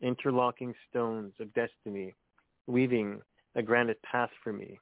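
A man's voice: medium pitch, fairly even intonation, a little slow, gravelly, no echo. Give me a man calling in to a radio show over a tinny phone line. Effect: heard over a phone line on a radio show. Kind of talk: casual chat, then reading his poems aloud.

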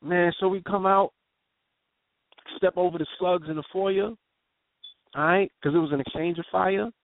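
This is raw conversational storytelling: a guest vividly recounts an intense event he witnessed, in street slang, often dropping "you know what I'm saying." He speaks high at a normal pace with fairly even intonation, heard on a dry, tinny phone line.

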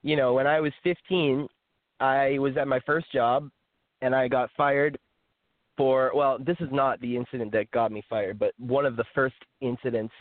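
A man's voice: medium pitch, steady tone, normal speed, no echo. Young male author guest, frank and chatty; phone-quality, dry. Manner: frank, chatty, with small laughs. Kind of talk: casual interview talk.

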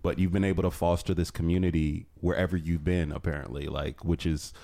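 A man hosting an interview, talking excitedly and rambling with lots of fillers. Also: low voice, fairly quick. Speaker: podcast host. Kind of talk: casual interview.

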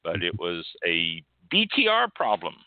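A man's voice: low-pitched, wildly swooping pitch, unhurried, no echo. A man hosting a live radio wine show, chatting casually and laughing now and then. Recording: phone-line sound.

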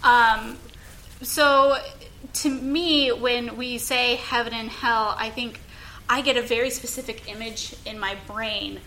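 A woman's voice: fairly high pitch, steady tone, takes it slowly, sharp tone, rough recording. A woman in a casual panel discussion, speaking in an informal, wry way. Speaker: podcast panelist. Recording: faint noise of live space.

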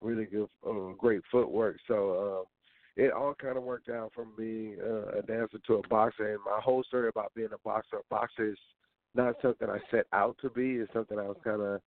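Male interview guest, Southern US accent. Halting, folksy, reflective conversational delivery; thin, dry phone-band audio. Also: lowish voice, steady tone, no room sound. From Georgia, US South. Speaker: interview guest, boxer and former dancer. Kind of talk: casual interview chat. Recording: tinny, dry phone-like radio sound.

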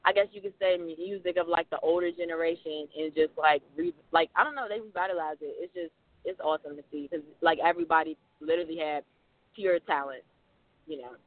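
A man co-hosting a casual podcast chat, animated and full of "like" fillers. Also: on the high side, no room sound. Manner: animated, talks fast with many "like" fillers. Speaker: podcast co-host. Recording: dry phone-like sound.

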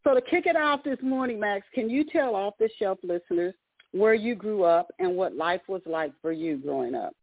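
Over a dry, tinny phone line with no echo, an animated woman of medium pitch talks at normal speed as she hosts a radio call-in book interview. Her guest introductions are warm and chatty, full of repeated words and restarts.

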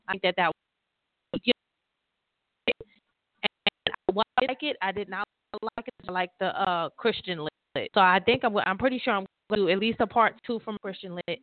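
A woman's voice: medium pitch, no room sound. A woman who leads a group of writers, talking over a phone line from a laptop with headphones, rambling and restarting as she calls her listener girl. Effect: heard over a phone line. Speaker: author and publisher leading a writers' call. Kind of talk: casual call with a writer. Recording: tinny, dry call audio.

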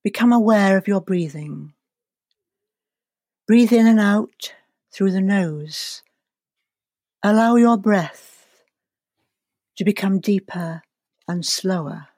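A guest leading a guided meditation takes a woman through relaxation and visualization at a very unhurried pace, her medium-pitched voice calm and soothing. She places each phrase deliberately, leaves space afterward, and the sound is close and dry with no room sound.

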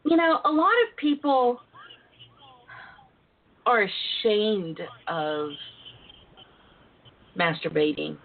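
A woman hosting a casual, playful radio talk show, with a sassy, drawn-out delivery and folksy endearments. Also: mid-range voice, very animated. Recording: narrow phone-like line with faint noise.

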